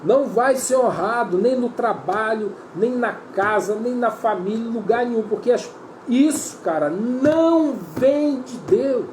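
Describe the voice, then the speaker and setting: Brazilian guy preaching, high voice but mellow, keeps saying brother, roomy echo. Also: animated, measured pace, a little hiss or hum. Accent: Brazilian Portuguese. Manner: earnest, repetitive, often addresses listeners as brother. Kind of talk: sermon. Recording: roomy echo with faint ambience.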